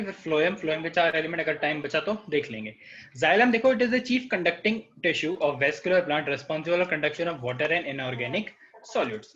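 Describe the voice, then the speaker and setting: A man's voice: fairly high pitch, a bit bright, highs cut off. A man with an Indian accent teaching a biology class, mixing Hindi with English and putting questions to his students. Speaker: biology tutor. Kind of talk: online class lecture.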